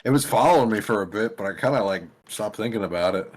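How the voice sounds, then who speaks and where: A man's voice: fairly low pitch, quick pace, over a noisy crowd. A man chatting casually as a player in a tabletop game. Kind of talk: casual chat.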